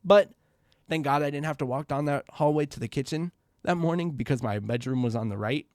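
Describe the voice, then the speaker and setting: A man's voice: fairly quick, no echo, studio quality. A young man telling a scary childhood story to his viewers in a casual, slangy way, calling them bro and you guys and swearing. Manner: quiet and low at first, grows loud and excited.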